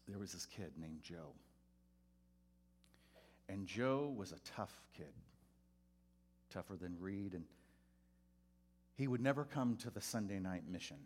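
A man preaching a sermon as a pastor, telling a personal story and loudly acting out the voices in it. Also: sits low, unhurried, long pauses. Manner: animated, acts out voices loudly in quotes.

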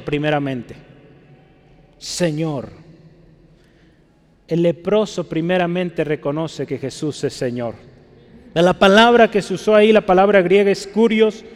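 A man's voice: high voice, big-room sound. A man preaching a sermon, emphatic and pleading, often asking his listeners to look closely and agree. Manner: emphatic, pleading, repeats 'fíjese' and '¿verdad?'.

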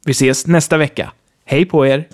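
A man hosting a scripted language-lesson podcast, slowly and carefully spelling out example words. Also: on the high side, fairly even intonation, darkish tone. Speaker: language teacher host.

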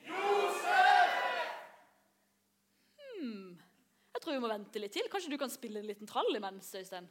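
A woman's voice: medium pitch, very animated, some chatter behind. A woman leading a children's church gathering, playful and encouraging.

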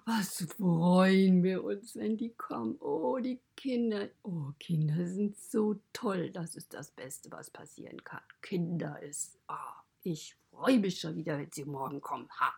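A woman's voice: fairly low pitch, measured pace, vocal fry, hardly any pauses, darkish tone, slightly rough, exaggerated voice. A woman voicing a friendly stable animal who narrates a children's podcast story, chatty and mostly whispered.

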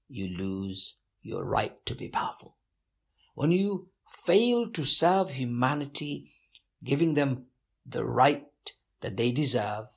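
A man speaks slowly and earnestly, as though reflecting aloud for an interviewer. His voice has a gravelly edge and a husky grain throughout. The tone stays devout and measured. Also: medium pitch.

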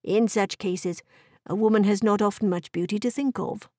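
A woman voicing a dry, sardonic middle-aged husband in a period novel audiobook, teasing in a measured, deadpan way. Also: medium pitch, dry recording, lightly acted.

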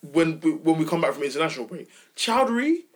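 A man talks in a slangy London roadman accent, like casual football podcast banter. His pitch swings widely. He is excitable and emphatic, often repeating himself. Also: quick pace.

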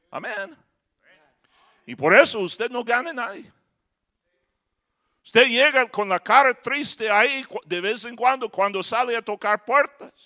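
A middle-aged man preaching a sermon, moving from quiet talk to shouted passages and acting out voices. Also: sits high. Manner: acts out voices and jokes with the congregation. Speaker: pastor.

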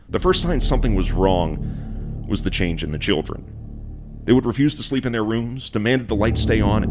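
Male horror storyteller, lowish voice, ornate theatrical vintage fright-show narration over clear music. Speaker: podcast host and narrator. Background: music behind the voice.

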